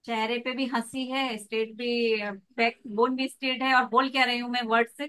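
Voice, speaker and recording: A woman with a high, bright, forceful voice leads an online class over a video call. She teaches in a lively way and acts out little examples to make each point. Her delivery stays animated and clear. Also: moderate pace. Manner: lively, demonstrates with acted examples. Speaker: pregnancy coach.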